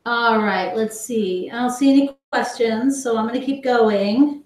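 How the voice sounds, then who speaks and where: Speaking a little high against a reverberant backdrop, a woman chats with viewers while teaching a live online cooking class for kids. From her home kitchen she explains each step slowly, calling everyone "guys."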